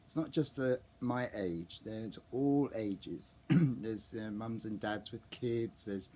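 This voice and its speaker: A man's voice: lowish voice, slow, mellow. A man telling a casual vlog story, rambling with many restarts and fillers, sometimes acting out the people he overheard. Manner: rambling, full of restarts and ums; acts out overheard fan reactions. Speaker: vlogger.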